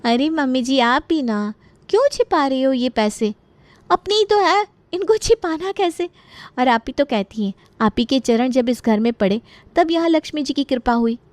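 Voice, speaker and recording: A woman's voice: high-pitched, animated, normal speed, no room sound, pitched above the performer's own voice. A woman voicing a clever, cheeky young daughter-in-law with a sly, teasing manner.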